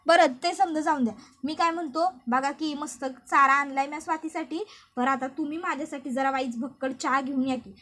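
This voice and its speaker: A woman's voice: high voice, steady tone, brisk, fairly bright tone. Woman reading as a teasing village husband. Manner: rural dialect, teasing, insistent. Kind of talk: recap narration with read-out dialogue.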